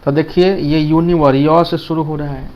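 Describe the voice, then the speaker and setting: A man's voice: a little high, steady tone, normal speed, muffled recording. A man teaching a grammar lesson in Hindi with English terms, repeating key words and asking students rhetorical questions.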